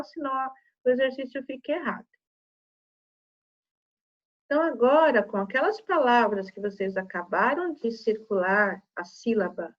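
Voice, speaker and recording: Teacher lady talking slow to little kids, kinda high voice, sounds out every syllable. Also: dull audio. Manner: slow, syllable-by-syllable dictation with frequent "tá?" checks. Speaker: primary school teacher. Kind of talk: remote lesson for young children.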